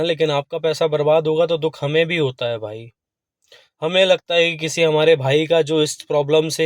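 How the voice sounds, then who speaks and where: A man's voice: fairly high pitch, no room sound. Earnest pleading man, dry close sound. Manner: pleading, repetitive, appeals to "bhai" and "dosto". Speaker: vlogger. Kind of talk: earnest talk to camera. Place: car.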